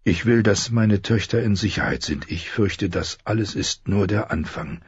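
A man voicing a wounded, weary lord who speaks quietly and gravely with icy politeness. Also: lowish voice, moderate pace, dull audio.

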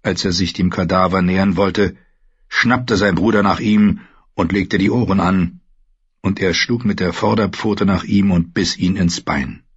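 A man narrating a fantasy audiobook with a husky voice, reading in a measured, grave manner. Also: deep voice, fairly even intonation, no echo. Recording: dull lo-fi dry recording.

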